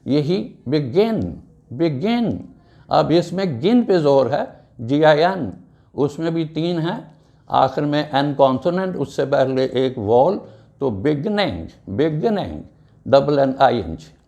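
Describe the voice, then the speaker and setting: A man teaching an English grammar lesson, spelling out words letter by letter in a slow, deliberate way. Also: fairly high pitch, animated, vocal fry, a little mellow.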